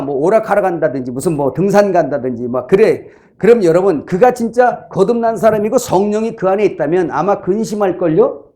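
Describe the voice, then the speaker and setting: A man's voice: sits high, dark tone. A man preaching a sermon as pastor in a conversational way, acting out quoted inner voices.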